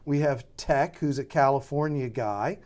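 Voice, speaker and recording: An American man is interviewed about his work as a radio drama producer, talking casually and haltingly as he thinks out loud. His voice is mid-range with a darkish tone.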